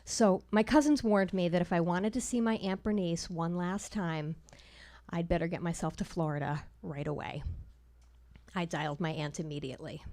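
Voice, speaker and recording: A woman telling a personal story at a live storytelling show, wry and measured with dry comic timing. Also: on the low side, darkish tone.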